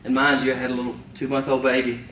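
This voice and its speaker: Pastor preaching a testimony in an echoey church. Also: male voice, medium pitch, completely flat delivery, fast, a little hiss or hum. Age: 30s. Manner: storytelling, swinging from hushed to shouting. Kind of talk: testimony sermon. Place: large church sanctuary. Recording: echoey hall, distant mic.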